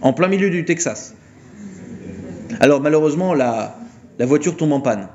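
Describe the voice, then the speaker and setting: A man giving an informal philosophy lecture, retelling a film plot with mocking, animated storytelling. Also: a little high, moderate pace, muffled recording.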